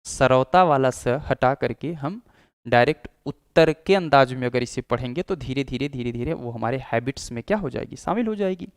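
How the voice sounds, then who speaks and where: Clear-voiced male teacher, dry sound. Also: mid-range voice, expressive, moderate pace, no room sound. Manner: explanatory, demonstrates sounds aloud. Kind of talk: classroom lecture.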